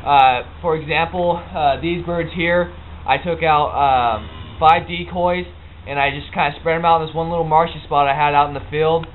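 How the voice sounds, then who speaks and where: A man's voice: a little high, steady tone. Man on muffled, lo-fi audio, explaining casually. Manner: halting, informal, plain-spoken. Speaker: hunting instructor. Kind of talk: casual unscripted how-to explanation. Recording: muffled phone-like lo-fi audio, background noise.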